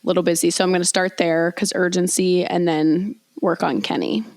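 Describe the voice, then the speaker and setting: A young woman co-hosting a podcast, telling stories in a chatty, animated way with many fillers. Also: lowish voice, a little fast, dry recording. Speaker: podcast co-host. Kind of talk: casual chat.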